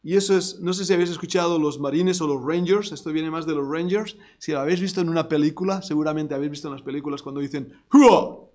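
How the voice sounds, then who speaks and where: A man preaching a sermon with an accent from Spain, animated and emphatic, breaking into loud declarations and joking asides to his congregation. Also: fairly high pitch, quick pace, hardly any pauses. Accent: Spain Spanish. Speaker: pastor. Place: church service before a congregation.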